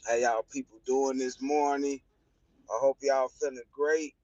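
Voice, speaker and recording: A man's voice: mid-range voice, fairly even intonation, a little slow, a little mellow, dry recording, dull audio. A man with a Chicago accent hosting a casual early-morning live stream, giving loose, repetitive, preacher-like words of encouragement. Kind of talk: casual motivational live talk.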